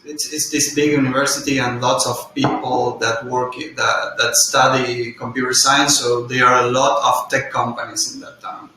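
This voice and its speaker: Brief: Argentine guy in his twenties, Spanish native, halting webinar guest, bright voice, roomy echo with faint hiss. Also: mid-range voice. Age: 20s. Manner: hesitant, many fillers and restarts. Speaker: interview guest, software developer. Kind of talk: casual interview over webinar. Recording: echoey, distant, faint noise, webinar audio.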